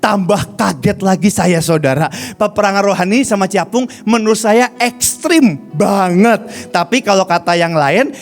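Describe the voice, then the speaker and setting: A male evangelist with a strikingly high voice and a gravelly edge tells a testimony from the pulpit. He addresses the congregation as "brothers and sisters", moving from hushed confession to shouted excitement. Soft music plays underneath. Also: moderate pace. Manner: storytelling, addresses listeners as "saudara", swings from hushed to shouting. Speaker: evangelist preacher. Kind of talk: sermon with personal testimony.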